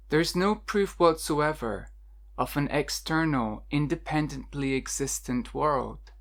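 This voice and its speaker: A meditation guide, medium in pitch, narrates a scripted guided meditation, measured and instructional, pausing deliberately.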